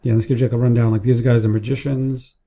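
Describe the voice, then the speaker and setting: A man with a medium-pitched, warm voice talks quickly and flatly as he narrates a casual screen-share tutorial. He's a business owner training his staff, walking through things informally one step at a time. He's indoors at a computer, with keyboard and mouse clicks audible.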